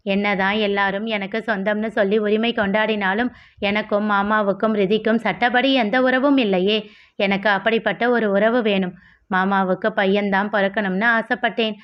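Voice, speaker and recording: A woman's voice: mid-range voice, little pitch movement, moderate pace, natural voice. A woman voicing a teasing young husband in a storybook reading, in a lazy, bantering way. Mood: earnest. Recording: dull lo-fi audio.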